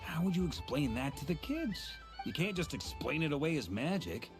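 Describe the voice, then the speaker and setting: Earnest young knight of justice: very low for female, swooping, defensive, game dialogue. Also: moderate pace. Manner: defensive, hedging, animated. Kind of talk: anime-style video game character acting. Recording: music behind voice.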